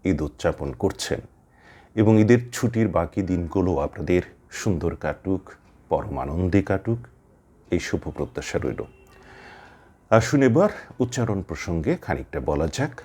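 Low-voiced guy teaching pronunciation, slow careful word drills. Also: a little mellow, slightly rough. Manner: measured, repeats words slowly for drill. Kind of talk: spoken lesson on pronunciation.

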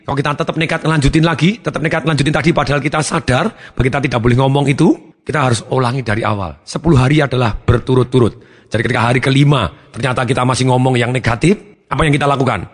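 A man giving a motivational talk, acting out examples of tone with big swings in pitch. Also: racing, husky. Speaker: motivational speaker.

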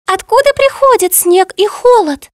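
A woman voicing an eager, frightened little girl with high childlike cries. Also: unhurried, dry recording, studio quality. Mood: curious.

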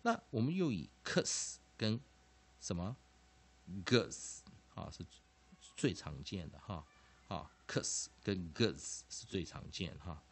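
A man teaching English pronunciation in Chinese, with frequent filler particles and drawn-out repeated words. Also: low voice, sing-song, breathy edge. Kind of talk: classroom lesson explanation.

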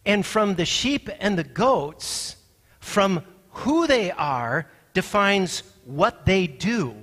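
A man's voice: high voice, animated, slow, fairly bright tone, big-room sound. A man preaching a sermon as pastor, emphatic and repeating his key points with rising force, in a church sanctuary.

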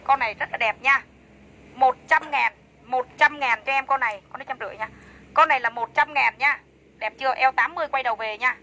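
A woman's voice: high-pitched, fairly quick, bright, forceful tone, low-quality recording. A woman selling clothes on a livestream, chatty and enthusiastic, repeating prices over and over. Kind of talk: fast live-sale patter.

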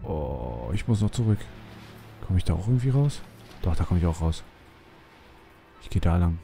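A man's voice: deep voice, fairly quick, mellow. A young man commenting on a survival game, whispering when he sneaks and yelping when startled. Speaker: let's player. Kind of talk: gaming commentary.

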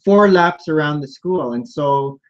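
A man co-hosting a casual live stream, walking through the week's plans in a relaxed way. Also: on the high side, a little slow. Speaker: co-host. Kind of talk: casual chat. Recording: dull lo-fi livestream audio.

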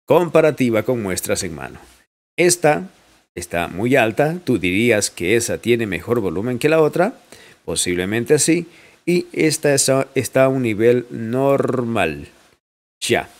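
A man talks through an audio recording tutorial in a relaxed, chatty way. He keeps checking in with the listener and laughs easily, his voice sitting at an ordinary middle pitch close to the mic. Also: unhurried. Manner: chatty, asks listeners questions, laughs often. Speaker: audio editing instructor. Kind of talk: casual screen-recorded tutorial. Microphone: studio microphone at close range.

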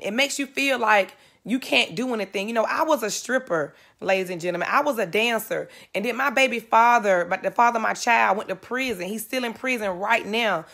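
A woman's voice: on the high side, a bit bright. A woman in her thirties giving an earnest, emotional motivational talk to live viewers, close to tears and repeating phrases for emphasis. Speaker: network marketer speaking to live viewers.

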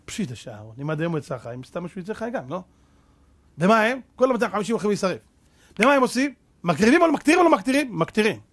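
A man's voice: high-pitched, big pitch swings. A man preaching a Torah sermon as a rabbi, fervent and full of rhetorical questions, mixing street slang with scripture.

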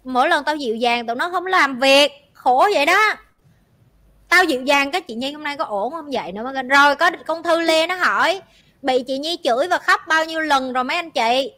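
A woman hosting a casual livestream. Her voice sits a little high and sounds bright and forceful. She teases her team bluntly and talks in quick bursts. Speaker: livestream host.

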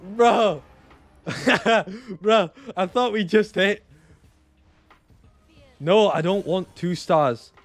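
A young man streaming a strategy game, chatting to his viewers, excitable, repeating himself and bursting into shouts and laughter. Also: high voice, very slow, long pauses, faint music behind. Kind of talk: live gameplay commentary to chat.

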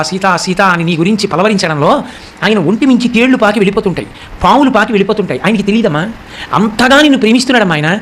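A man giving a devotional discourse on a sacred epic. He recites verses slowly and explains them, and speaks the characters' lines in a softer voice. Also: sits high, a little hiss or hum. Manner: acts out the characters' speech in a softer voice.

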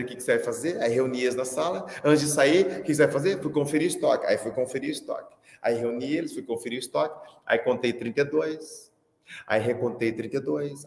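Brazilian guy doing a comedy bit as a teacher, gravelly voice, echoey hall. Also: medium pitch. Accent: Brazilian Portuguese. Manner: animated, repeats lines for effect, acts out scenes. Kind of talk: comic stand-up monologue. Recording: echoey hall with long reverb.

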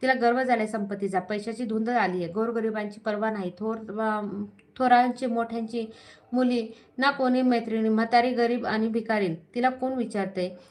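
A woman's voice: on the high side, steady tone, moderate pace, a little mellow, lightly acted. A woman voicing a goddess disguised as a poor old woman, scolding indignantly in a devotional story.

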